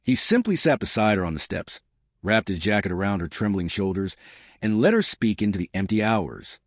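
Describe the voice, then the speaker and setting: Deep, lively male story narrator. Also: normal speed, dry recording, clean studio sound. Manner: dramatic, emotive storytelling.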